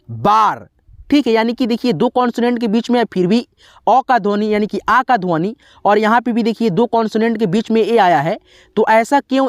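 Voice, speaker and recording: A man's voice: high voice, no room sound, clean studio sound. A man, teaching English pronunciation rules as a channel host. He often repeats himself and answers his own questions. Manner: repetitive, asks and answers his own questions, frequent "theek hai". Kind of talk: classroom explanation.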